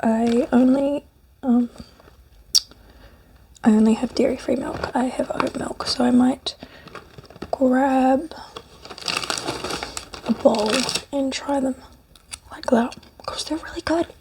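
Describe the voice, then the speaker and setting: A woman with a New Zealand accent softly whispers a breathy, musing ASMR food review while eating cereal. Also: high-pitched, steady tone, takes it slowly, pauses often, noisy background. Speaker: snack reviewer.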